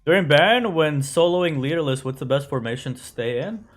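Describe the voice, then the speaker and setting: A man's voice: fairly high pitch, expressive, fairly quick. Man, grew up in the US, casual game streamer, filler-heavy chat, faint music behind. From United States. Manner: chatty, loose, full of fillers and "right?" tags. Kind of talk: casual live-stream commentary answering chat.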